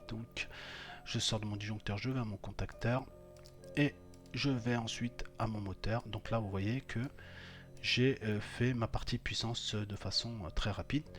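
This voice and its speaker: Man, lowish voice, electrical wiring tutorial, step-by-step screen walkthrough, frequent fillers, faint music behind. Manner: thinks aloud while clicking, many fillers. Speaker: electrical instructor. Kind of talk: screen-recorded software tutorial.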